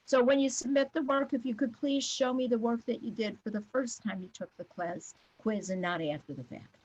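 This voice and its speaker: A woman math teacher chatting briskly and warmly with her students on a video call, with lots of fillers. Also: a little high, no echo, lo-fi sound. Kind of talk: casual talk with students after class.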